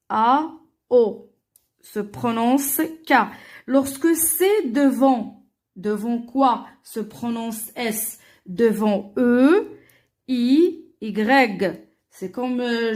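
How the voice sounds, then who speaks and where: A woman walking pupils through a French worksheet, slowly and deliberately, repeating each answer and filling pauses with "alors" and "euh". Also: on the high side, darkish tone. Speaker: teacher. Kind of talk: worksheet walkthrough for primary pupils.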